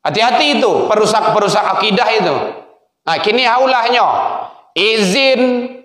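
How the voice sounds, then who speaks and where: Minangkabau man preaching, high voice, very echoey hall, lively storyteller. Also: moderate pace. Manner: animated storytelling, swings between loud exhortation and low asides. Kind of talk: sermon.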